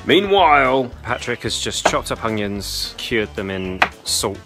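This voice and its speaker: A man's voice: fairly low pitch, steady tone, measured pace. A young man giving a jokey, wry travel vlog commentary on a rainforest trip. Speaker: travel vlogger. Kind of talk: casual travel vlog narration. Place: outdoors in tropical rainforest. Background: music.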